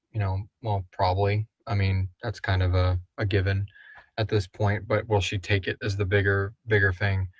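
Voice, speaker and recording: A podcast host and creator answers listener questions in a casual live Q&A, thinking aloud as he chats. His voice sits on the low side with a fairly bright tone, and the recording is dry.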